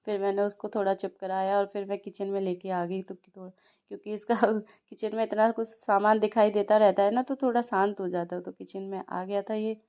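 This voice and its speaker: Flat-voiced young mother, chatty. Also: medium pitch, a little fast. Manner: chatty, storytelling with frequent small laughs. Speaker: mother narrating her day. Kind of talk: casual home vlog narration.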